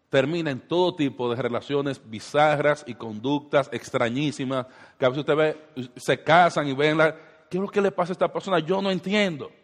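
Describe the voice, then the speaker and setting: Preaching man in a reverberant hall. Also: a little high. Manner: preaching with rhetorical questions to the congregation. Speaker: pastor. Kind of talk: sermon.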